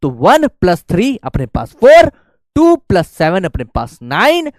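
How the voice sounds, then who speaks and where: A male maths teacher explains step by step in a coaxing tone and keeps checking that his class follows. His pitch rises and falls in a lively way. The recording is close and dry. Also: a little slow, dry recording. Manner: coaxing, keeps checking students follow, calls them "beta". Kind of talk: online maths lesson.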